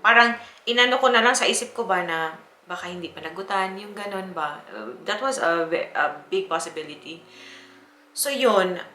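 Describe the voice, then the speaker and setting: A woman's voice: medium pitch, animated, normal speed, bright, forceful tone, a little hiss or hum. A young woman from the Philippines, telling a personal story to her viewers in a chatty way with frequent laughs. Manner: chatty, laughing often, with many fillers. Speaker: vlogger. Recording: echoey room.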